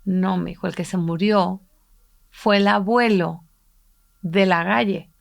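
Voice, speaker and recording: Middle-aged woman co-hosting a podcast, heartfelt storyteller, medium pitch. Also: fairly even intonation, slow, creaky. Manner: emotional, reflective, voices quoted people while retelling. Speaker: podcast co-host, mother. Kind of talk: intimate conversational storytelling.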